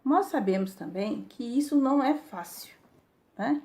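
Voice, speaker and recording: A woman's voice: a little high, lively intonation, unhurried, a little mellow. A woman with a Brazilian Portuguese accent giving a reflective spiritist lecture, teaching and reading passages aloud. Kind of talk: recorded religious talk.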